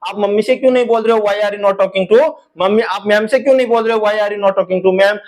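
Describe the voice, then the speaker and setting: A man with an Indian accent teaching English grammar in a classroom style. He drags out each English sentence slowly, speeds through his Hindi explanations, and calls his viewers son and daughter. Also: high-pitched, fairly even intonation.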